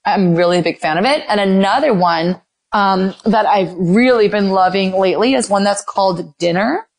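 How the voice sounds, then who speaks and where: A woman's voice: mid-range voice, normal speed. A mother who cooks, a woman, chatting enthusiastically as a podcast guest, with many "like"s and exclamations. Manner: enthusiastic, gushing, lots of "like" and "oh my God". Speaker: guest, cooking mom. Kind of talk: casual interview chat. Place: Los Angeles.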